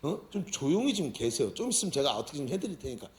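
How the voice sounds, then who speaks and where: A man preaching who voices a reluctant believer brushing Jesus off in a low mumble. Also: sing-song, fast. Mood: dismissive. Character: reluctant dismissive male believer. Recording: roomy church hall.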